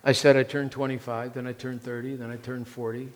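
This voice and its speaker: This sermon to a congregation comes from an American man in his sixties with a mid-range, level voice and a slightly fast delivery. He relies on short, emphatic, often repeated phrases, heard through the long reverb of a large hall.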